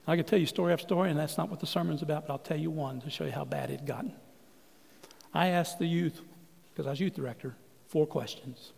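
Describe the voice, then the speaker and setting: A man preaching a sermon, telling a folksy, animated story from the pulpit in a church sanctuary. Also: a little high, vocal fry. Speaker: pastor. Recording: long hall reverb.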